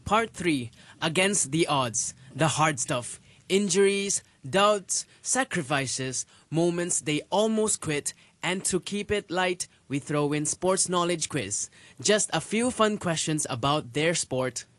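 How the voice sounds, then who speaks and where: A podcast co-host speaking in a measured way, reading through the show's segments in lists. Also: mid-range voice, expressive, fairly bright tone, dry recording. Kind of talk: semi-scripted podcast hosting.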